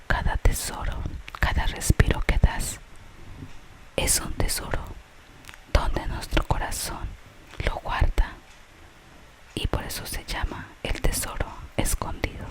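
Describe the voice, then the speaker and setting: An ASMR storyteller whispers a gentle tale from start to finish. The delivery is very slow and unhurried, with no full voice in it. The narration moves softly from the story toward its moral. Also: rough recording.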